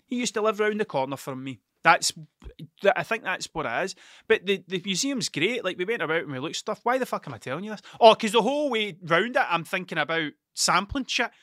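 A man's voice: sits high, animated, brisk, pushed and bright, no room sound, studio quality. A man with a broad Ayrshire Scottish accent, rambling casually and bluntly, swearing freely and questioning himself as he goes. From Scotland, Ayrshire.

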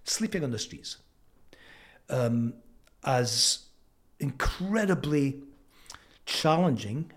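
Male, 70s, Fife Scottish accent. Mid-pitched conversational storyteller, reflective, pausing often to find the word. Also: lively intonation. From Fife, Scotland. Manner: halting, thoughtful, with frequent pauses. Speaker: interview guest.

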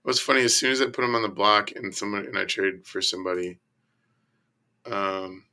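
A man with a croaky, hoarse voice and creaky starts, chatting casually and bluntly as a fantasy sports podcast guest. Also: on the low side, moderate pace, bright, forceful tone. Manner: blunt, profane. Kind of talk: casual fantasy football chat.

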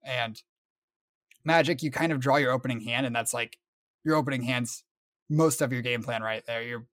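A man co-hosting a podcast, explaining in a relaxed, casual way with filler words. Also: mid-range voice, moderate pace. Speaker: podcast co-host. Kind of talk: casual chat.

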